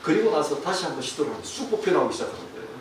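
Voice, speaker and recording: A man, a pastor, preaching a sermon and telling a story, falling to a hush and then rising again. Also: fairly high pitch, sing-song, rapid-fire. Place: church sanctuary. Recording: distant, echoey room with faint hiss.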